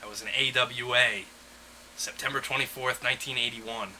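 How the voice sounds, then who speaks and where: A man's voice: medium pitch, fairly even intonation, normal speed, sharp tone, a little hiss or hum, poor audio. A man co-hosting a podcast in casual chat, laughing often and reading lists aloud. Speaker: podcast co-host.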